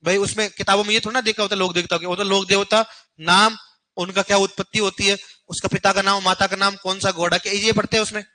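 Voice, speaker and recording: Brief: young male coaching teacher, high-pitched, blunt, scolds the class. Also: flat delivery, fast, bright, forceful tone, poor audio. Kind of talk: classroom lecture scolding students.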